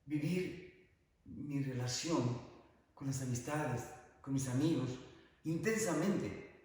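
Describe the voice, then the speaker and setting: Priest preaching in an echoey church. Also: male voice, mid-range voice, slow pace, darkish tone. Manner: earnest, emphatic storytelling preacher. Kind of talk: sermon. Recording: very echoey church hall, mic far off.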